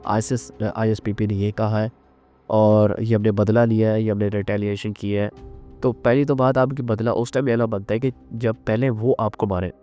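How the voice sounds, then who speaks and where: A man giving unscripted, earnest analytical commentary on current events, pausing and restarting as he thinks. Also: lowish voice, steady tone, dark tone, faint music behind. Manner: earnest, measured, with frequent restarts and fillers.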